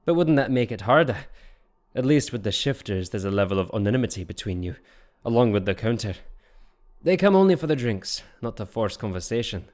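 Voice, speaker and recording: A man's voice: on the low side, sing-song, fairly quick, darkish tone. A man voicing a charming, well-dressed stranger at a bar who muses with an easy smile. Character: charming young male stranger, smiling and smooth.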